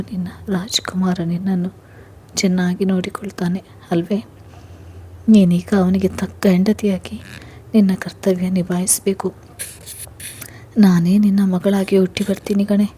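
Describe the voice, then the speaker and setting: A woman reading the lines of a bedridden, loving old grandmother in a spoken story, comforting and soft. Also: medium pitch, little pitch movement, measured pace, pauses often, a little hiss or hum, lightly acted.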